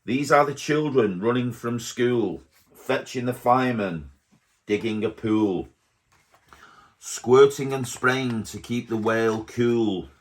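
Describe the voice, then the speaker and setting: A man reading a rhyming picture book aloud to his baby at home, slowly and gently. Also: mid-range voice. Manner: slow, gentle storybook reading.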